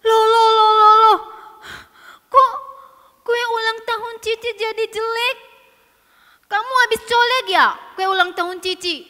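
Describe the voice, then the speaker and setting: A woman voicing a bossy older sister girl who scolds and tattles in a shrill voice. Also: a little slow, bright, forceful tone, big-room sound, heavily acted. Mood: scolding.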